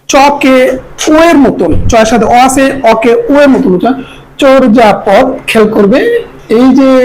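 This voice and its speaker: Woman teacher, higher voice, patient lesson delivery, sounds out words syllable by syllable; faint room noise. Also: a little mellow, rough recording. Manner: slows down to sound out each word carefully. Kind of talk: grammar lesson.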